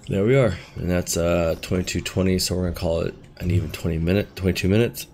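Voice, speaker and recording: Gravelly, low-pitched man, casual gameplay commentator, relaxed and rambling. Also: quick pace. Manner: laid-back, rambling, thinking aloud. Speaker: gaming video host.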